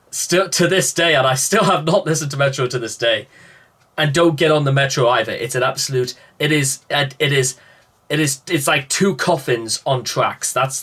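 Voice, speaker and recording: A man's voice: mid-range voice, fairly bright tone. A man giving casual, jokey reaction commentary, often stammering and restarting his sentences. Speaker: reaction video host.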